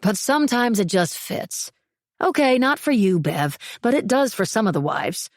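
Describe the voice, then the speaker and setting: A woman's voice: medium pitch, big pitch swings, moderate pace, no room sound, studio quality, pitched above the performer's own voice. A woman voicing a brash, outspoken, overloud woman who talks bluntly and derisively.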